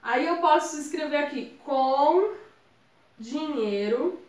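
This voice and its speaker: A woman's voice: high voice, animated, takes it slowly, darkish tone, reverberant. A woman with a Brazilian Portuguese accent explaining exam grammar in a chatty, casual lesson, often calling her viewers "gente". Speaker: exam prep tutor.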